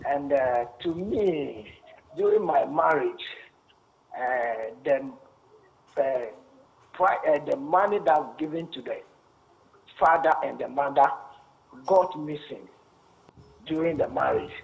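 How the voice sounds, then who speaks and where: A man calling in to a talk show over a bad, clipped phone line, speaking haltingly and checking whether he can be heard. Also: a little high, lively intonation, vocal fry. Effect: crackly phone line with a bad connection. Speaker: caller. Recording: distant, clipped phone audio.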